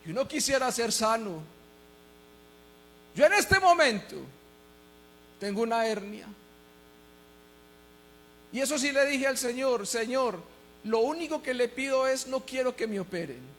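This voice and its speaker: A man with a Colombian Spanish accent preaching a sermon as pastor, dropping to quiet asides and rising to shouted emphasis. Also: extremely high pitch, sing-song, unhurried, pauses often, a little hiss or hum.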